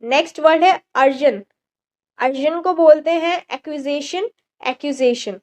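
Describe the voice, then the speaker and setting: Woman reading english vocab words, high voice, slow steady pace, says each word twice. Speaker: vocabulary teacher. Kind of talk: word-list vocabulary lesson.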